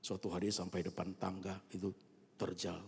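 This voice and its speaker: A male pastor preaching a sermon at an evening church prayer service. He talks colloquially, turns often to the congregation, and swings between loud outbursts and hushed near-whispers. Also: sits low, little pitch movement, normal speed. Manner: colloquial, with frequent asides to the congregation.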